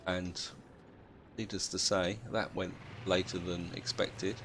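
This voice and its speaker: Male British let's-play host, half-asleep delivery, deep gravelly register, clearly noisy recording. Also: level tone, slow pace. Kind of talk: casual game commentary. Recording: noticeable background noise.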